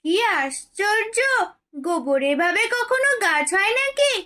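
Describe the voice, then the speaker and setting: A woman's voice: very high voice, very animated, a little slow, bright, forceful tone, full character voice. A woman voicing an earnest, childlike young girl in a cartoon. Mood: curious. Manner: pleading, childlike.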